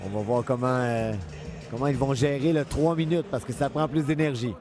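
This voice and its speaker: Dark-voiced Quebec man calling boxing. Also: mid-range voice, moderate pace, faint music behind. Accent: Quebec French. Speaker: boxing commentator, analyst. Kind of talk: live unscripted fight commentary.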